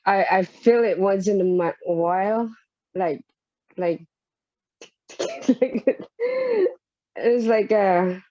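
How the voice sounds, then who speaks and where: A woman's voice: medium pitch, very slow, long pauses, warm tone, dry recording, dull audio. A woman asking a hesitant question, with nervous laughs and many restarts. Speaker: group participant.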